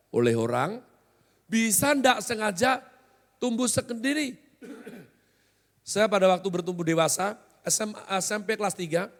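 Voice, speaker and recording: High-voiced joking pastor in a reverberant hall. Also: male voice. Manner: joking, conversational, often quizzes the congregation. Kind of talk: sermon. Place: large hotel hall used as church.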